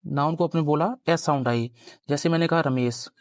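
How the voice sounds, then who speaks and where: At a moderate pace, a young man with a higher-pitched voice walks his class through a grammar lesson at the board, going step by step and testing them with frequent questions. The sound is studio quality with no echo.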